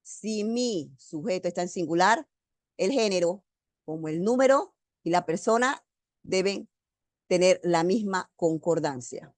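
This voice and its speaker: Woman teaching slowly over a video call. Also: on the low side, expressive, darkish tone, no room sound. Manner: slow, deliberate, stresses key words. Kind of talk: online grammar lecture.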